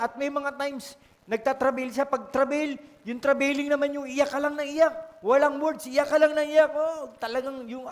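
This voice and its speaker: A male pastor with a Filipino accent preaching a sermon in a storytelling way, often calling out to the congregation. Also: extremely high pitch. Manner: storytelling, code-switching, asks the congregation for responses. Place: church hall. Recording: long church-hall reverb.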